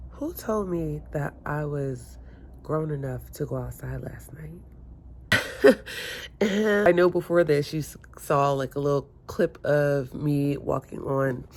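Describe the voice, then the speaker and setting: A woman with a deep voice vlogs casually at home into her phone, held or propped, in a room by the windows. Stuffy and hungover, she chats to camera in a rambling, self-mocking way, speaking slowly with frequent pauses over slight background noise.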